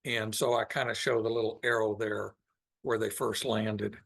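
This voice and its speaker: A man giving an informal slide presentation to a live audience in a meeting room. He thinks aloud and pauses often as he goes. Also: fairly low pitch, little pitch movement, vocal fry, fairly bright tone.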